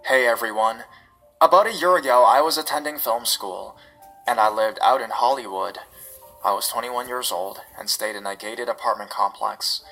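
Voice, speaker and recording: Bright-voiced male horror story narrator. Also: mid-range voice, normal speed, soft background music, low-quality recording. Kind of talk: scripted first-person story narration.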